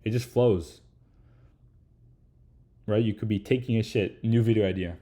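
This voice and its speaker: Male creator-coach, relaxed lecture delivery, lowish warm voice, casual and a bit profane. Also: a little slow. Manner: laid-back, slangy, swears casually, peppers speech with "like" and "right?". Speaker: YouTube creator giving advice.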